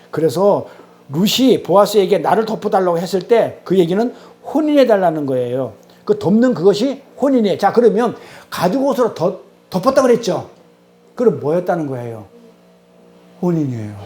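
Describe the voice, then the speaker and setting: Woman, preacher, teaching sermon, mellow warm tone, asks the congregation questions, slow deliberate scripture reading. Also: fairly low pitch. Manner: reads scripture and transliterated Hebrew slowly and deliberately. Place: church service.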